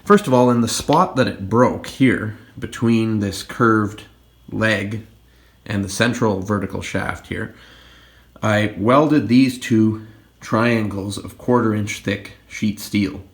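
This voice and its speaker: A fitness channel host with a fairly low voice speaks slowly, congested from a cold. He gives a casual walkthrough of his home gym equipment, explaining it plainly and pointing things out.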